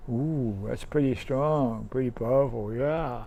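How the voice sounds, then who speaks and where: A man's voice: medium pitch, unhurried, vocal fry, mellow, highs cut off, slight background noise. A man hosting an interview, asking questions in a friendly, encouraging way with short responses. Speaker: interview host. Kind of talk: casual interview.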